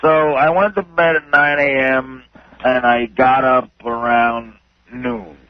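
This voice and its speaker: A man, a regular on the show, telling a rambling story in casual radio chat with halting restarts. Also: medium pitch, steady tone. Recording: dull dry radio studio sound.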